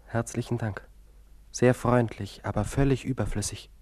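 A man's voice: on the low side, normal speed, lightly acted. Radio play: male actor as a defiant asylum patient, bitter and sarcastic, long reverb. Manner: intense, bitter and sarcastic toward the doctor. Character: troubled young man held in an asylum, defiant. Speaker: patient confined to a sanatorium. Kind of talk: German radio play acting.

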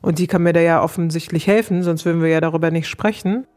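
Talking fast in a fairly low, steady and slightly mellow voice, a woman interviewed about her coaching tells her own story. She is candid, colloquial and reflective about herself throughout.

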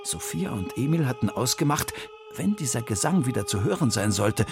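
A man narrating a children's mystery story in an animated, suspenseful way, close to a studio mic. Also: mid-range voice, moderate pace, over music.

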